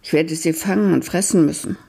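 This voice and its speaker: A woman voicing a lost, hungry man who mutters quick, anxious thoughts to himself. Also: sits low, creaky, dark tone, breathy edge, exaggerated voice. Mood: worried.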